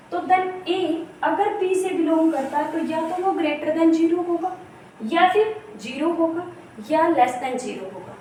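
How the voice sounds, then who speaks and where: A woman teacher explains a math lesson step by step, repeating key terms and asking questions she answers herself. Her voice sits high and her delivery is slow and measured. She sounds set back from the mic in a very echoey room with faint background noise. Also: darkish tone, recorded from a distance. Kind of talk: exam-prep lecture on real analysis.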